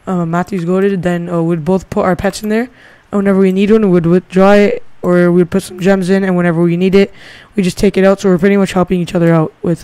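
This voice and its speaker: A man's voice: sits high, darkish tone, clear, resonant tone, dry recording. A male gaming channel host giving a casual game tutorial, thinking aloud and rambling with lots of filler words.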